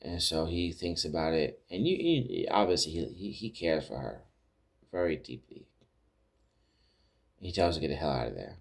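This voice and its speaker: Male podcast host, very low voice, loose rambling episode recap. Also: sing-song, moderate pace, gravelly, pauses often. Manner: rambling retelling with many restarts and quoted lines. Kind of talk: casual recap chat.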